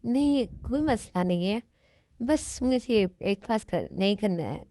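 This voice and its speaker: A woman's voice: mid-range voice, expressive, a little slow, no room sound, lightly acted. Woman dubbing a timid, hesitant young man. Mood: reluctant. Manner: hesitant and soft-spoken. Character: timid, unhappy young man held captive. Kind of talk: fan Hindi dub of a love story.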